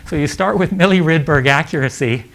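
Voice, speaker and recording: Older man lecturing, gravelly voice. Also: on the high side, fairly bright tone. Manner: halting, many fillers and restarts. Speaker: physics lecturer. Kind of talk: academic lecture. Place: lecture hall.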